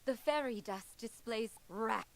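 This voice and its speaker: Slow, high-voiced pixie fairy. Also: female voice, gravelly. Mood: grave, urgent. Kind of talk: video game character dialogue.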